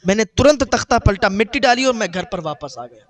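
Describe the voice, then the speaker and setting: A man's voice: high-pitched, lively intonation, fairly bright tone. A man preaching voices a grief-stricken man who mourns his brother and tells the tale in a lamenting, pleading way. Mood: grieving.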